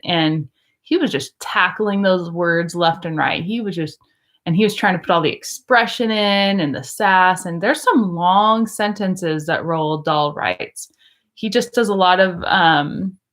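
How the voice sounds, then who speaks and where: A woman's voice: fairly low pitch, a bit bright. A woman who teaches English, chatting casually to camera in a rambling way with many ums and likes. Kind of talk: casual vlog chat.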